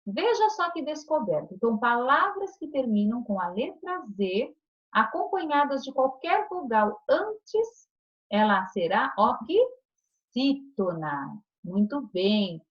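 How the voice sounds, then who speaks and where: A woman's voice: high-pitched, sing-song, unhurried. A woman teaching a recorded online class to young children, patient and coaxing, checking in often with short questions. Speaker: primary school teacher. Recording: dull lo-fi recording.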